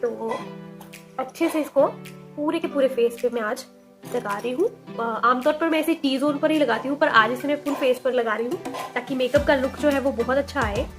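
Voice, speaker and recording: A woman's voice: sits high, moderate pace, over music. A young woman explaining her makeup routine step by step in a casual vlog voice. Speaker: beauty vlogger. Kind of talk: makeup tutorial talk.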